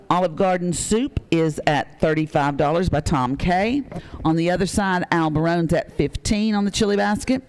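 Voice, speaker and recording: A man's voice: high-pitched, clear, resonant tone. A man hosting a live charity auction, reading off bids and names in a folksy way with frequent fillers.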